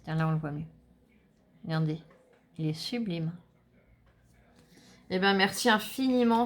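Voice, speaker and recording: A woman vlogger with a fairly low, slightly gravelly voice chats casually with her viewers as she opens a scrapbooking parcel, gushing with enthusiasm throughout.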